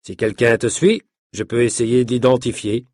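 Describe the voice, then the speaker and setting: A man's voice: mid-range voice, little pitch movement, moderate pace, darkish tone, no room sound, clean studio sound, natural voice. A man voicing a reassuring adult male private investigator in a matter-of-fact way.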